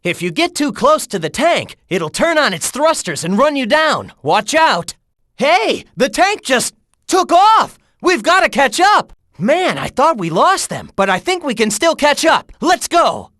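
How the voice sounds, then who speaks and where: A cocky young cartoon hedgehog hero for a video game. His American voice bounces widely in pitch, breezy and full of pep. The slangy, confident delivery comes through very dry and close. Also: sing-song, normal speed, hardly any pauses, a bit bright, no echo, full character voice. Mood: urgent, excited. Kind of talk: video game character dialogue.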